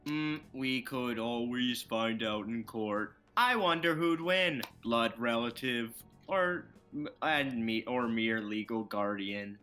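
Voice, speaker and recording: A man's voice: medium pitch, slow pace, pushed and bright, soft background music. A man voicing a scheming old man who pretends to be a cheerful elderly customer, with sly, mock-robotic threats. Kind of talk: fan comedy dub.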